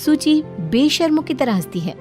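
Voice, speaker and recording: A woman giving steady, scripted narration for a cartoon moral story. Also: mid-range voice.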